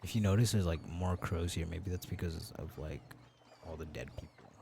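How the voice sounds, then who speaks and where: Young streamer guy, super low and gravelly, reads the game text half whispering, little hiss behind. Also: normal speed, warm tone. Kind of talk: reading game text aloud and commenting.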